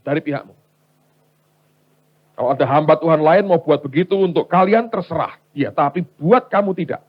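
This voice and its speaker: Man, pastor, sermon, swings loud to hushed, husky, dull recording. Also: fairly high pitch, normal speed, pauses often. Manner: storytelling preacher, swings between loud and hushed.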